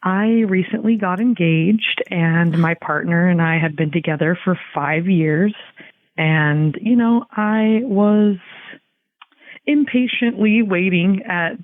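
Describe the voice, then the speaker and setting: A man leaving a chatty, halting voicemail as a listener caller, full of fillers. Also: high voice, no room sound. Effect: recorded voicemail message over a phone line. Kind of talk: rambling voicemail confession. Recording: tinny phone voicemail.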